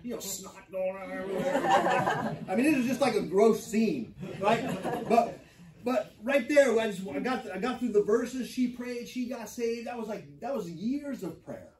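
A man's voice: sits high, a little slow, noisy background. Man teaching a church class, from afar. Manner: personal storytelling with many fillers and restarts. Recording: echoey room, mic from far off.

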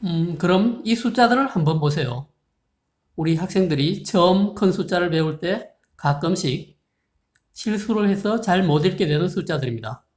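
A math teacher giving a recorded lesson, explaining slowly and patiently, reading numbers out digit by digit and politely asking viewers to try. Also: mid-range voice, animated, darkish tone. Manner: polite formal speech, asking viewers questions. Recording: roomy, echoey room sound.

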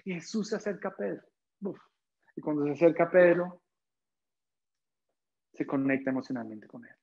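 A young man preaching a sermon as pastor, firing rhetorical questions and dropping to a hush when quoting Jesus. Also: fairly high pitch, normal speed, dull audio. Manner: drops to soft, quiet tones when quoting Jesus.

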